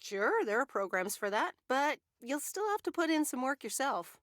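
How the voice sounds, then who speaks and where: An actress playing a calm, matter-of-fact young woman who is the lead of a story game. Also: high voice, moderate pace, dry recording, clean studio sound. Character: young adult woman protagonist, calm and dry-witted.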